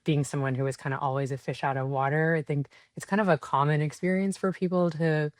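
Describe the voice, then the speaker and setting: A woman's voice: sits low, steady tone, fast, no room sound. Reflective woman guest with a dry sound. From United States. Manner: reflective, frequent fillers like "um" and "like". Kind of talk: podcast interview.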